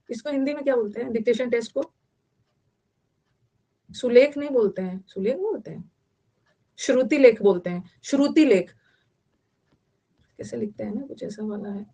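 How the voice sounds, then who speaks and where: A woman's voice: on the high side, warm tone. A young adult woman with an Indian accent teaching vocabulary online, explaining in Hindi mixed with English and repeating key words.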